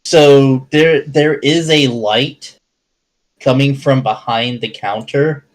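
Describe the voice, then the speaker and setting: A man's voice: medium pitch, steady tone, slow, rough recording. A man running a tabletop game as game master, narrating hesitantly with many fillers and restarts.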